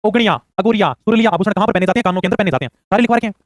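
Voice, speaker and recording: A man runs through exam questions at breakneck speed. His voice sits high and he keeps pushing students to answer quickly. The recording is dry and close. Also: dry recording. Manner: rapid-fire, urging answers fast. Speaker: exam coaching teacher. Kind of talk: rapid quiz-style lesson.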